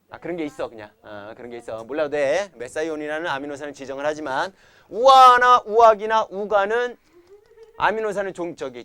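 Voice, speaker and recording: A man's voice: fairly high pitch, pushed and bright, smooth, no room sound. Korean science teacher quizzing his class. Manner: keeps quizzing students with repeated questions; playful chanting of memory tricks. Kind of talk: classroom lecture.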